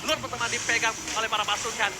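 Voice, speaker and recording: An Indonesian man shoutcasting an esports match like a fighting game announcer, hyped and exclamatory, repeating phrases. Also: extremely high pitch, fairly even intonation, fast. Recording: loud crowd and noisy venue behind.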